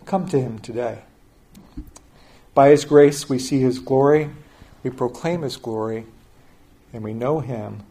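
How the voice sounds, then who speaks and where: An older man preaching a sermon as pastor, telling a family story in a conversational way and often dropping to a soft, quiet voice. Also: medium pitch, measured pace, long pauses.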